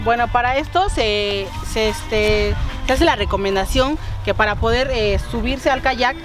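A young woman with a Oaxacan Mexican Spanish accent explaining kayak safety haltingly with fillers by a lake. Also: fairly high pitch, music in the background. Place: lakeshore outdoors.

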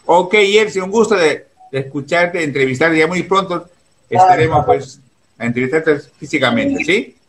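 A man's voice: fairly high pitch, normal speed, fairly bright tone. A man running a casual online interview over a video call, chatty and full of fillers. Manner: chatty, many fillers like "pues" and "este".

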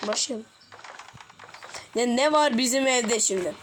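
A woman's voice: a little high, unhurried. Exasperated young woman gamer, noisy audio. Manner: exasperated, chatty, laughs in frustration. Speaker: gaming video host. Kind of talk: casual gameplay commentary. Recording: noticeable background noise.

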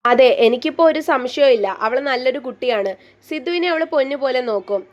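A woman voicing a gentle, patient, fatherly older man who gives soft, coaxing advice in a read-aloud story. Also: high voice, brisk, muffled recording, lightly acted. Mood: warm.

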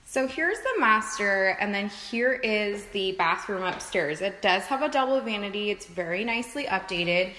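A woman's voice: mid-range voice, expressive, moderate pace, hardly any pauses, bright, forceful tone. A young woman realtor giving an upbeat, chatty home tour, filmed on a phone held at arm's length in an empty house. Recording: echoey empty rooms, faint noise.

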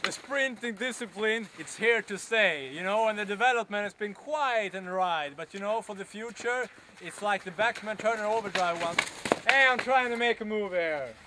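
A man's voice: high-pitched, moderate pace, very noisy. A young man presenting to camera outdoors in the snow, joking around in a playful way. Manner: playful, jokey. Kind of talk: jokey outdoor piece to camera. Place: outdoors in snow by a wooden house.

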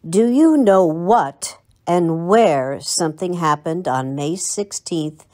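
She speaks slowly, her voice on the low side with a darkish tone: an older American-accented woman from Long Island, United States, working as a library local history presenter. She narrates scripted local history in a reminiscing, storytelling manner.

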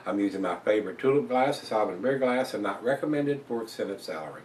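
A man's voice: fairly low pitch, quick pace, slight background noise. Older man reviewing beer in a roomy space. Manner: relaxed, chatty, with many fillers. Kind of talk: casual beer review vlog. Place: small room at home, indoors. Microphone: camera across the room. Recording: roomy and distant from the mic.

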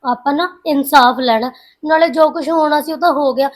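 Woman acting as a young sister in a family drama, high soft voice, gently coaxing everyone to stay calm. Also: normal speed, natural voice.

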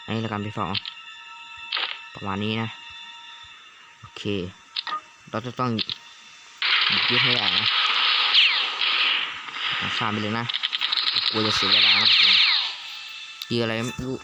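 Excitable young man narrating gameplay. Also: lowish voice, slow pace, pauses often. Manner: excitable, shouts at the game, swears casually. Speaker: gaming YouTuber. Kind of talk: casual game commentary. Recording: loud background noise.

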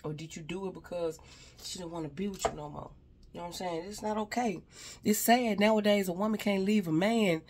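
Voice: mid-range voice, fairly quick, darkish tone, slight background noise. A spiritual advisor gives a casual, rambling reading to viewers. The speaker keeps repeating "you know what I'm saying," addresses an unseen person directly and sighs between thoughts.

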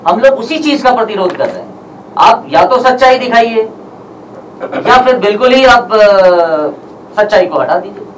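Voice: medium pitch, lively intonation, a little slow. Distant, accusing voice at a press conference. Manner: accusing, rhetorical questions. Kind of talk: impassioned press statement. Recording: distant mic with faint background noise.

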